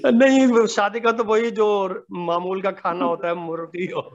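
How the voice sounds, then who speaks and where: Man, student, high voice, deferential, slow recitation, muffled call line. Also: level tone. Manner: hurried in speech, slow measured recitation, polite and deferential. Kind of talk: reciting Quran and chatting in class.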